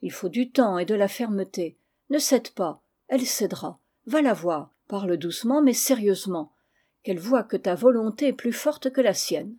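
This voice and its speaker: A calm, reassuring uncle, gently firm and patient, as a woman reads him aloud. The voice is mellow and warm, and the delivery stays even in a storybook reading. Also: medium pitch, normal speed, slightly rough. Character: kind, wise middle-aged uncle, a steady comforter. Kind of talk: audiobook reading of a classic novel.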